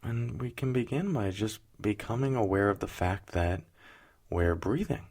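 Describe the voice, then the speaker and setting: Guiding listeners through a meditation, a deep-voiced man takes his time, calm and soothing, letting soft pauses settle between phrases. His voice carries a strong vocal fry from start to finish.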